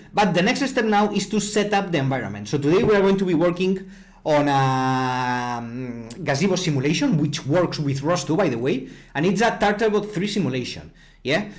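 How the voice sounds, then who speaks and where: A man from Spain with a Spanish accent, teaching a live online programming class in a chatty way, often repeating words and answering viewers' chat. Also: fairly high pitch. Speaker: online robotics instructor. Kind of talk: live-streamed coding class.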